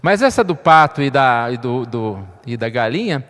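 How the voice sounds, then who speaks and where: A man's voice: mid-range voice, sing-song, moderate pace, a bit bright. A man preaching a sermon as pastor, chatty and joking, checking in with his listeners often. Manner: conversational, frequent tag questions, light humor. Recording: long reverb of a church hall.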